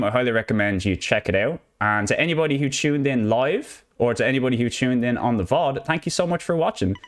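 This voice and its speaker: This young man, from Ireland and with an Irish accent, has a mid-range voice with a bit of hiss or hum on the audio. He chats casually and upbeat, rambling through a live gameplay stream while game music plays.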